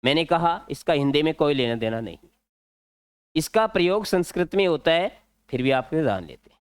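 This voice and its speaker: A man with a Rajasthani Hindi accent teaching an exam-prep grammar lesson, explaining slowly and repeating key words. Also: a little high, expressive, clean tone, no room sound, studio quality.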